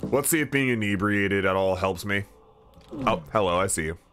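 A man streaming a video game, commenting casually in a joking, swearing, animated way. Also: fairly low pitch, moderate pace, over music.

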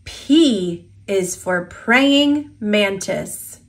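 With lively intonation and a mid-range voice, an American woman reads an alphabet picture book to toddlers. Her words come out simple and carefully enunciated.

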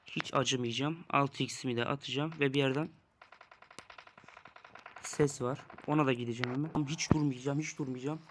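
A man's voice: mid-range voice, steady tone, normal speed. Young man, gaming commentary, exasperated rant, faint hiss and clicks. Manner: exasperated, ranting about dying. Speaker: gaming YouTuber. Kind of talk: casual gameplay commentary.

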